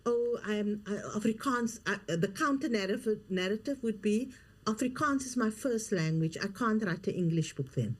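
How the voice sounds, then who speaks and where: Speaking as an interview guest, this middle-aged coach and author is earnest and emphatic, returning again and again to her key phrases. Her voice is mid-range and expressive, moving at a normal speed.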